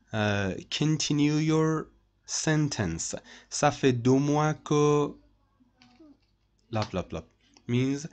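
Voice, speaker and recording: A man teaching French over a screen recording, repeating each phrase and translating it. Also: medium pitch. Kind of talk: screen-share language lesson.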